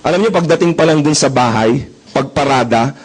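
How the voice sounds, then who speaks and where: A young man pitching to a live crowd, full of jokes and little stories. He keeps turning to the audience with quick questions, and his voice sits a bit higher than most men's. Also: slightly rough, rough recording. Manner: joking, storytelling, asks the crowd questions. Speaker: marketing presenter. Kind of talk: comic sales talk to a live audience.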